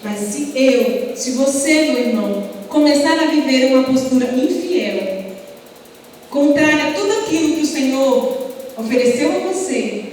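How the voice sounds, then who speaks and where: Woman preacher, high voice, impassioned sermon, distant mic in a booming hall with faint noise. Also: expressive, measured pace, a little mellow. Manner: impassioned preaching with rhetorical questions. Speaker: preacher at a prayer group.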